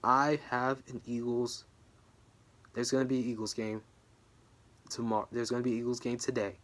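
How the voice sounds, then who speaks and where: A man's voice: medium pitch, level tone, moderate pace, fairly bright tone. A tired man rambling through his wrestling predictions in a casual home vlog, often sidetracking himself. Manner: rambling, self-interrupting, easily sidetracked. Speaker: wrestling vlogger. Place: room at home.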